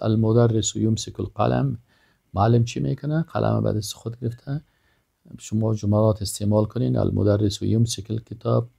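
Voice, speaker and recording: Gravelly low-voiced male language teacher. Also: mellow. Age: older. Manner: slow, repeats each word and then gives its meaning. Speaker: Arabic teacher. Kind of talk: vocabulary lesson, word then translation.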